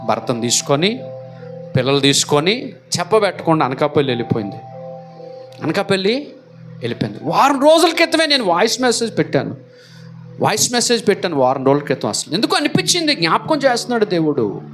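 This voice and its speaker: A man's voice: sits high, big pitch swings, brisk, fairly bright tone, faint music behind. A man preaching as pastor in a church, emphatic and repetitive, firing rhetorical questions. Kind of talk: sermon.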